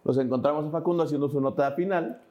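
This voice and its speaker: A man's voice: a little high, fast, a little mellow, highs cut off. A young Mexican man co-hosting a casual podcast, telling stories with acted-out quotes and jokes. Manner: storytelling with acted-out quotes, joking. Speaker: co-host.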